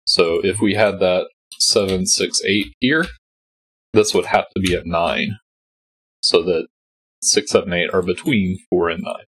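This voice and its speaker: A man with a congested, stuffy voice narrates a screen recording as host, solving a sudoku calmly and step by step while patiently explaining and thinking aloud. He sits low with a steady, slightly bright tone, speaks a little slowly, and pauses often; the audio is poor, with a little hiss or hum.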